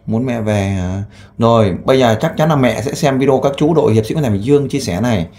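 A man who works as a volunteer interviewer. He asks gentle, coaxing questions and makes an earnest appeal with frequent fillers. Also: mid-range voice, quick pace, a little hiss or hum. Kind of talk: on-the-spot interview and appeal to camera.

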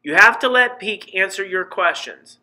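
A man's voice: sits high, animated, normal speed, bright, forceful tone, pitched above the performer's own voice, heavily acted, low-quality recording. A man voicing a worried, persistent middle-aged mother who pleads and insists as she talks to her son in a storybook reading. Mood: firm, motherly.

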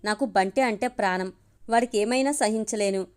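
A woman's voice: medium pitch, moderate pace, clean tone, lightly acted. A woman voicing a young father who is shaken and guilt-ridden, speaking in a trembling, tearful way in a storybook reading. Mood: anguished.

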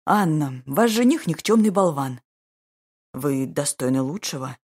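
A woman voicing a calm, self-assured duke who speaks in a dry, ironic and level way, with a slightly husky voice. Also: sits low, a little slow, exaggerated voice.

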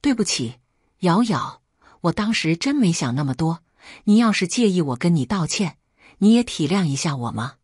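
A woman's voice: lowish voice, very animated, normal speed, darkish tone, breathy edge, dry recording. A woman reading the lines of a defensive young man in a spoken story, voicing them close to her own voice. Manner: pleading then impatient.

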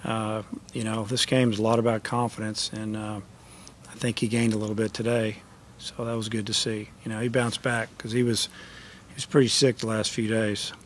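Middle-aged coach speaking flat and plainly. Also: male voice, on the low side, normal speed, a little hiss or hum. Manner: plain, matter-of-fact answers with many fillers. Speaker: college baseball head coach. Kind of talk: post-game press conference. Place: press conference room with a sponsor backdrop. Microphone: table microphone.

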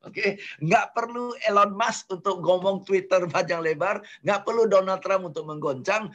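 A man teaching leadership in a webinar lecture, lively and checking in with his listeners often. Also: moderate pace, highs cut off. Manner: acts out quarrels in sudden high voices. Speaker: leadership trainer.

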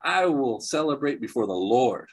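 A man preaching a sermon, telling stories with bursts of excitement, laughter and quieter asides. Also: medium pitch, moderate pace, slightly rough, rough recording. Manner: animated storyteller, laughs often, jumps between loud excitement and quiet asides.

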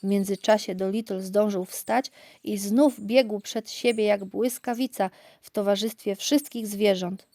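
A woman narrating a children's audiobook in a calm, clear storytelling voice. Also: medium pitch, a little slow, no echo. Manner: calm, even, clear reading.

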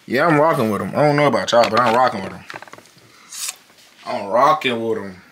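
A man's voice: mid-range voice, a little fast. A young man chatting casually to his vlog camera at home in a bedroom, slangy and repeating his phrases. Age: young adult. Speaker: vlogger. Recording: clearly noisy background.

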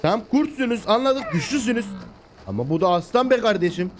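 A man giving casual, excitable let's-play commentary, chatting away and talking to the animals in the game. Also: high voice, fast talker, a little hiss or hum. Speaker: gameplay commentator.

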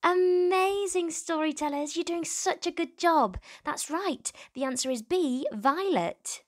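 Speaking at a measured pace in an extremely high voice, this twenty-something woman reads stories and talks encouragingly to the children watching, addressing them directly as a storytime host.

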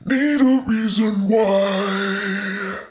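A woman's sung vocal sample, formant and pitch shifted far down into a deep, gravelly monster voice. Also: extremely slow. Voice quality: gravelly, glitchy, buzzing.

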